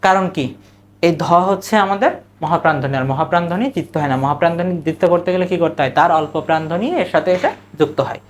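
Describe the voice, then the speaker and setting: With a fairly high pitch and a Bangladeshi Bengali accent, a male teacher leads pronunciation drills in a recorded exam-prep session. Questions come first, then he repeats the answer and slowly spells out model words by syllable.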